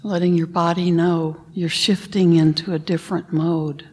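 A woman leading a guided meditation, giving gentle instructions and sometimes dropping to a whisper on the breath cues. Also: lowish voice, flat delivery, normal speed, breathy edge.

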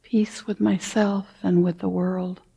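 Meditation teacher, female; slow, soft delivery with long pauses, breathy and mellow tone. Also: lowish voice, flat delivery. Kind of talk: guided meditation.

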